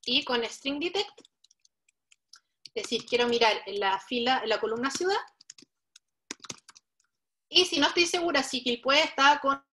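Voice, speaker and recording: A woman's voice: sits high, expressive, a little slow, pauses often, bright, forceful tone, slight background noise. A woman leading an online coding workshop, patiently explaining each step and speaking straight to the learners. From Chile. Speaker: workshop instructor. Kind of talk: live online coding tutorial.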